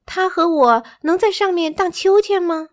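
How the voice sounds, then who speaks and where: A woman's voice: very high-pitched, expressive, moderate pace, pitched above the performer's own voice. A woman reading a storybook aloud and voicing a curious, chatty young monkey who is full of eager questions. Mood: wondering.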